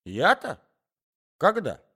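A man's voice: on the high side, wildly swooping pitch, takes it slowly, bright, forceful tone, breathy edge, voice pushed up, exaggerated voice. A man voicing a forgetful old husband who rambles and coughs as he talks. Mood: doddering chatter. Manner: rambling, wheezy, coughs often.

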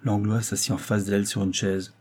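A man reading a literary novel aloud as an audiobook narrator, in a measured, even storytelling manner. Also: fairly low pitch. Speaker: audiobook reader.

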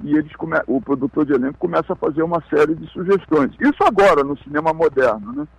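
A man who is a film director and screenwriter, telling relaxed anecdotes as a radio interview guest. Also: on the high side, fast talker, creaky, slightly rough, dry recording, low-quality recording.

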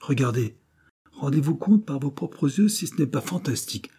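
A man reading an audiobook, voicing a calm and ironic male detective. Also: mid-range voice, moderate pace, breathy edge, pitched above the performer's own voice. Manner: calm, mocking.

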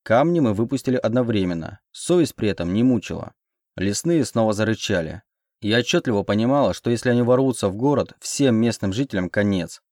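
A man reading a first-person audiobook in a steady, measured voice. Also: lowish voice, no echo, clean studio sound. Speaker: audiobook narrator.

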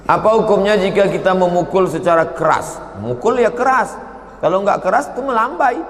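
A man's voice: high voice, expressive, a little fast, slight background noise. A man preaching a sermon, asking rhetorical questions and chanting Arabic verses. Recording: roomy hall reverb.

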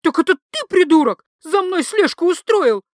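A woman's voice: sing-song, moderate pace, fairly bright tone, no echo, studio quality, heavily acted. A woman voicing an indignant young wife who screeches back at her jealous husband. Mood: furious. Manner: shrill, indignant, high-pitched. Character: shrill, furious young wife.

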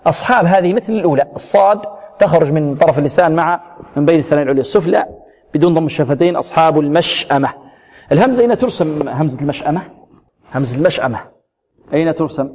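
A male teacher giving a Quran recitation lesson, explaining how letters are pronounced and demonstrating words slowly and repeatedly. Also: a little high, lively intonation, darkish tone, slightly rough, big-room sound.

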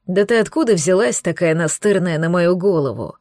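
A woman voicing a lazy, melancholic male sea turtle who talks in a slow, weary drawl. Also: fairly low pitch, lively intonation, darkish tone, dry recording, clean studio sound, natural voice.

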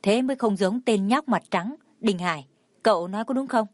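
A woman voicing a quick, teasing young male student. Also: medium pitch, no room sound, lightly acted. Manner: brisk, joking.

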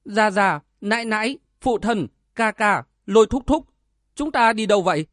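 A naive, wide-eyed little boy in a storybook, his voice pitched high above the reader's own, as a man puts it on. He asks simple, innocent questions, set in a dry, close sound. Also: lively intonation, normal speed, a bit bright, dry recording.

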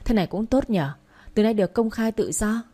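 A woman's voice: medium pitch, brisk, warm tone, pitched above the performer's own voice, close to an everyday voice. A woman reading the part of a stubborn young man, a village doctor, insisting and pleading with his father. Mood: teasing.

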